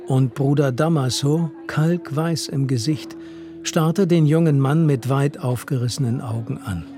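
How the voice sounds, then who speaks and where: A man giving a measured, expressive literary reading on radio, with music underneath. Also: mid-range voice. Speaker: reader.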